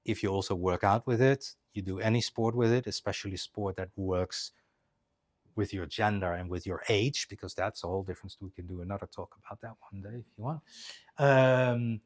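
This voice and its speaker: In a clinic presentation room, a man in his fifties gives a casual live presentation. His voice sits on the low side and he talks briskly, keeping things loose and chatty while restarting often.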